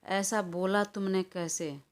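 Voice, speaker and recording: A woman's voice: medium pitch, fairly even intonation, slow pace, close to an everyday voice. A woman voicing a stubborn, defiant young woman. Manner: defiant, quarrelsome. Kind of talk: audiobook character voice.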